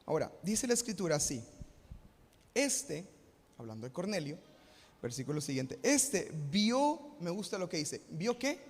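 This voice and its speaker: A Mexican pastor preaching live with a high, ringing voice. He often asks the congregation a question and then answers it himself. His voice echoes with the long reverb of a church hall. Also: very animated, unhurried, slightly rough. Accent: Mexican Spanish. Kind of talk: live sermon. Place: church sanctuary.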